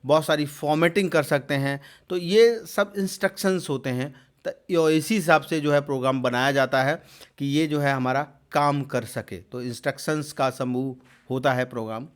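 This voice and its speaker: A man explaining quiz answers as a computer exam tutor. He repeats terms with many fillers and pauses, and raises his voice loudly to read out each new question. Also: on the high side, fairly even intonation, smooth. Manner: repeats terms and fills with "jo hai" and hesitations.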